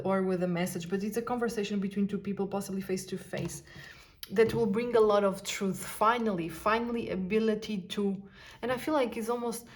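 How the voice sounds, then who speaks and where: Soft-spoken woman reading tarot. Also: mid-range voice. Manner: soft, reflective, musing aloud with sighs and pauses. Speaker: tarot card reader. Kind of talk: intuitive tarot reading to camera.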